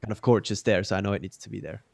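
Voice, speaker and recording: A man's voice: on the low side, racing, gravelly, over loud music. A man talking casually while he works on a musical arrangement in a session. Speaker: musician arranging parts live. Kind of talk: casual studio talk.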